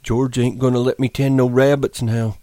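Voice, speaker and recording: A man voicing a big, slow-witted, childlike ranch hand who speaks in a drawling, plaintive way. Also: mid-range voice, flat delivery, mellow, dry recording, studio quality, voice pushed up, natural voice. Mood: miserable. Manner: drawling, plaintive, simple speech.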